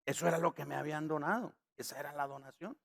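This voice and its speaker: A man from Nicaragua, a pastor preaching a sermon, rising in pitch and volume on key words and acting out the voices in his stories. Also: fast talker, vocal fry, fairly bright tone.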